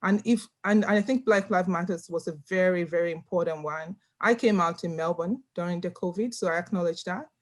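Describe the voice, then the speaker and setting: A woman's voice: fairly low pitch, fairly quick, hardly any pauses. Nigerian-born woman on a video call panel, earnest, keeps repeating words for stress. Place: home room.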